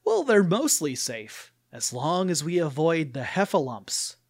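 A man's voice: a little high, sing-song, a little slow, breathy edge, full character voice. A man voicing a fussy, motherly female toy kangaroo searching for her son.

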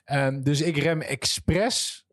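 A man's voice: fairly high pitch, drawn-out words, a bit bright, no echo, clean studio sound. A man co-hosting a casual motorsport chat, thoughtful and hesitant, with many ehms. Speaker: podcast co-host.

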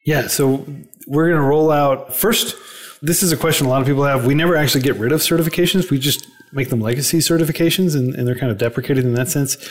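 A man's voice: mid-range voice, fast. A man on a podcast as a guest, explaining things earnestly in a casual interview, speeding up in bursts and leaning on fillers. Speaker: podcast guest, non-profit founder.

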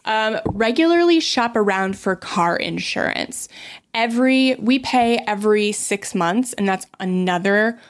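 A woman's voice: mid-range voice, expressive, measured pace. A woman co-hosting a podcast in casual chat, talking with many fillers and acting out quoted exchanges. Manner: conversational, many "um"s, acts out quoted dialogue. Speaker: podcast co-host. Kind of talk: casual chat about personal finance.

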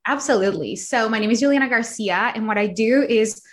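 A woman's voice: fairly high pitch, a little fast. A woman from Colombia, a podcast guest and business coach, telling her story in a chatty way with many fillers. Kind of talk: conversational interview storytelling.

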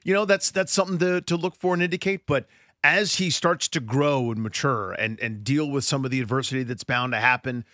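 A man of middle pitch co-hosts a sports podcast. He gives long, rambling analysis full of fillers and restarts, and the sound is dry and close. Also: brisk, fairly bright tone, no room sound. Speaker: podcast co-host.

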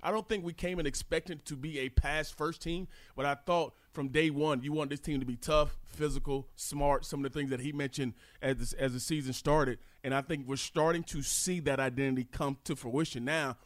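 A man's voice: fairly high pitch, steady tone, moderate pace, hardly any pauses, dry recording, studio quality. An American man, a former player and podcast co-host, explaining his view in long earnest runs. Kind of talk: casual sports podcast chat.

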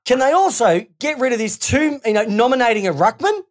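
Animated, sweary Australian woman. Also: on the high side, brisk. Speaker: podcast co-host. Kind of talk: casual sports podcast rant.

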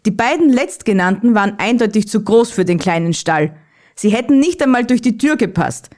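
A woman narrates a children's Christmas story in a calm, even voice. She reads steadily, at a mid pitch, like a host of a kids' advent audio series. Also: a little fast. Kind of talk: reading a children's story aloud.

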